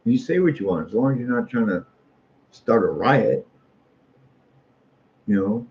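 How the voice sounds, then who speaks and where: A low-pitched middle-aged American man, a street artist, rambles casually at a measured pace with lively intonation. He sounds folksy and full of opinions, circling back to phrases for emphasis. The recording is muffled lo-fi with a little background noise.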